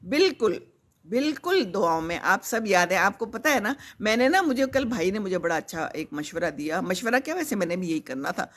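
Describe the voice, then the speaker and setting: A woman's voice: mid-range voice, very animated, moderate pace, a bit bright. An older woman from Pakistan, hosting a live stream, chatting in a rambling, conversational way and reading out viewer comments. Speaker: host.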